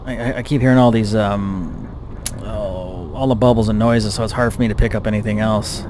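A man's voice: fairly low pitch, moderate pace, background noise. A man giving casual gameplay commentary, thinking aloud and muttering to himself as he plays. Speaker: gamer commentating his own submarine game. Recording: steady engine-like game ambience behind voice. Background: submarine game sound effects and ambience.

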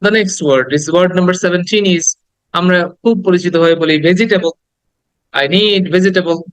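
A man with a Bangladeshi accent teaching word pronunciation, repeating each word slowly and drawn out and mixing in English phrases. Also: high voice, smooth, dry recording, low-quality recording. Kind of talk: pronunciation lesson.

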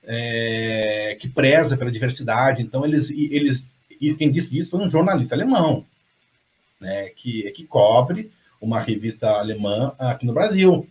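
Speaking at normal speed with a medium-pitched, animated voice, a middle-aged Brazilian novelist rambles as a guest in a casual video-call discussion. He often restarts and tosses in tag questions. His webcam audio sounds slightly dull and lo-fi.

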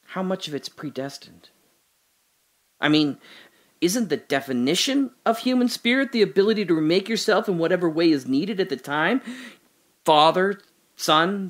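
Playing a lone man in a holding cell, an actor delivers a reflective audio drama monologue doubting his own memories, his mood turning from wry to earnest. The voice is high with a fairly bright tone.

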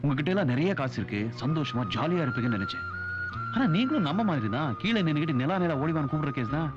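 A shy, hesitant young tough. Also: male voice, a little high, very animated, rapid-fire, highs cut off, over music. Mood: thoughtful. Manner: hesitant, stammering. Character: young working-class boxer, shy, hesitant. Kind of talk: film dialogue.

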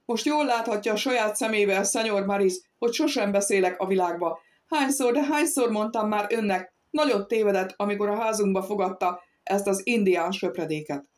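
A woman reading an audiobook, voicing an indignant, haughty lady of the house who speaks in a shrill, oratorical, accusing manner. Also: few pauses, close to an everyday voice.

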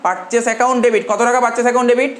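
A male tutor from India teaches a classroom lecture. He dictates slowly, repeats each phrase, and quizzes his students. His voice carries the echo of a roomy classroom over a faint hum. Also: very high voice, a bit bright. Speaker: commerce tutor.

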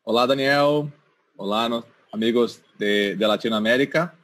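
A man's voice: mid-range voice, a little slow, fairly bright tone. A man from southern Brazil with a Brazilian Portuguese accent gives a medical presentation, mixing Portuguese words into his Spanish and repeating words as he searches for them. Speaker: guest speaker, orthopedic shoulder surgeon.

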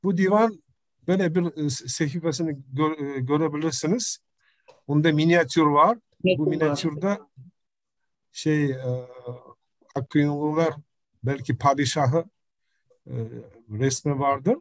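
A middle-aged man with an Uzbek accent giving an academic presentation on a video call, speaking halting, broken non-native Turkish mixed with Uzbek. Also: on the high side, no echo, low-quality recording. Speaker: professor presenting research. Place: indoor room, video call. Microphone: computer microphone on video call.

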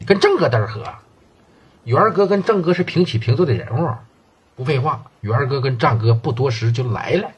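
A man with a Northeastern Mandarin accent telling a gangland tale in colloquial, animated storytelling style, slipping into characters' voices. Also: mid-range voice, brisk, husky, lo-fi sound. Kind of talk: oral crime storytelling.

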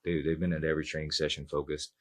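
Man, football coach, very deep flat voice, press conference, table mic. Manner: measured, reflective, with many fillers. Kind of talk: post-match press conference. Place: press room.

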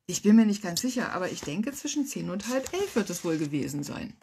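A woman voicing a polite, measured elderly man known as the Professor. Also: mid-range voice, big pitch swings, dark tone, slight background noise. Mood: recalling.

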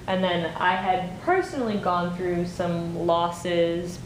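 Reflective woman playwright in echoey room. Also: slow pace. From Michigan and Germany. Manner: thoughtful, searching, many "like" fillers. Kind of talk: casual interview chat. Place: small meeting room indoors. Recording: echoey room with faint rumble.

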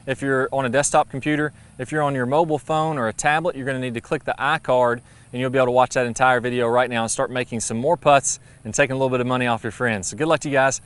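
A man, giving a brisk, friendly golf lesson outdoors on a putting green, recorded on a lapel mic. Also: medium pitch, fairly even intonation, a bit bright, clear, resonant tone. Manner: brisk, friendly, practical coaching. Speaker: golf instructor.

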